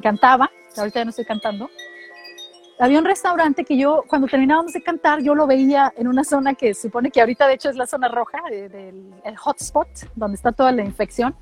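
A middle-aged woman from Mexico with a Mexican accent, telling animated, slangy stories in casual chat and acting out what people said. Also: high voice, fast talker, faint music behind. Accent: Mexican Spanish. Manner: animated storytelling, slangy, acts out quotes.

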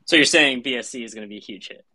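A man speaking as a panelist in a casual tech discussion, halting and repeating words as he goes. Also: mid-range voice, pushed and bright, dry recording.

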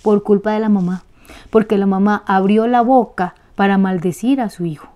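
A Costa Rican woman hosting a casual spiritual talk, blunt, colloquial and animated. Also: mid-range voice, moderate pace, highs cut off.

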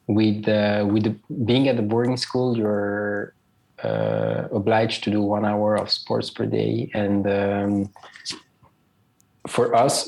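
A young Swiss man in his 20s answers casual interview questions as a school alumnus. His low, gravelly voice is a little mellow, and he sounds hesitant, with many fillers and repeated words. The recording is rough.

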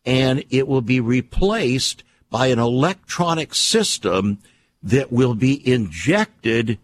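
A man hosting a talk program, delivering an emphatic, alarmist and conspiratorial opinion monologue in a deliberate way, with rhetorical questions and repetition. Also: mid-range voice, sing-song, slight background noise. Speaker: radio program host.

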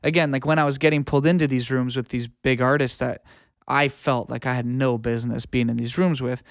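With a medium-pitched, steady, fairly quick voice, a man who works as a music producer and audio engineer shares career advice as an informal, earnest interview guest. The sound is dry and studio-clean.

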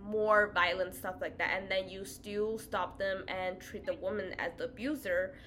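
A woman from China co-hosting a podcast, talking at ease with plenty of fillers. Her pitch sits in the middle for a woman. A faint hiss runs under her voice. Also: steady tone, normal speed, a bit bright. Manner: chatty, many fillers. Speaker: podcast co-host. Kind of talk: casual chat. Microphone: home recording.

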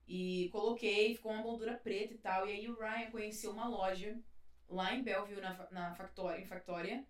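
A woman from Rio de Janeiro, chatting casually and telling a story full of slang. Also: medium pitch. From Rio de Janeiro, Brazil. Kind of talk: casual chat. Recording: roomy, distant mic.

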